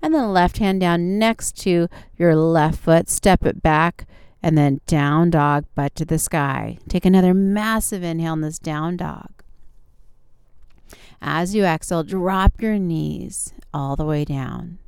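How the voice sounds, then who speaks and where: Female yoga teacher, encouraging step-by-step instruction, exceptionally clear tone, close dry sound. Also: fairly low pitch, slow, darkish tone, dry recording. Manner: encouraging, short step-by-step cues. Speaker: yoga instructor and show host. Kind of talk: guided yoga class instruction.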